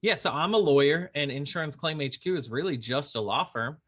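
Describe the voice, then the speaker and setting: A man who is an insurance attorney, talking casually as a podcast guest and telling lively stories with acted-out dialogue. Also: on the high side, brisk. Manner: animated storyteller who acts out quoted dialogue. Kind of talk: conversational podcast interview.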